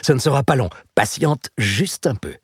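A hearty older cook in his sixties, teasing an old friend with easy warmth, as a husky-voiced male reader puts him on. The voice sits higher and louder than the reader's low narrating tone, in a dry, close audiobook recording. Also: expressive, moderate pace, dry recording.

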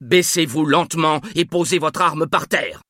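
A man voicing a tense male security guard who shouts sharp commands. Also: medium pitch, normal speed, no room sound, studio quality, pitched above the performer's own voice, natural voice. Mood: alarmed, commanding.

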